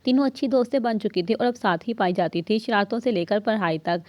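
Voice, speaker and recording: Mellow woman narrating a novel. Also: medium pitch, fairly quick, no echo. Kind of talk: novel read-aloud narration.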